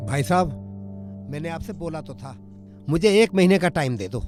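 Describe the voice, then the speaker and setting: A man's voice: a little high, animated, moderate pace, darkish tone, faint music behind, lightly acted. A man playing a poor debtor who meekly pleads for more time. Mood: pleading. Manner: pleading, meek. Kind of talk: comedy film acting.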